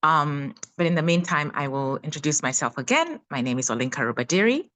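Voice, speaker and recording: A woman in her fifties from Uganda, sharing her personal story on a video call from her phone, pausing often with fillers. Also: sits low, animated, fairly bright tone, poor audio. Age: 50s. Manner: halting, many fillers. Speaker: guest speaker.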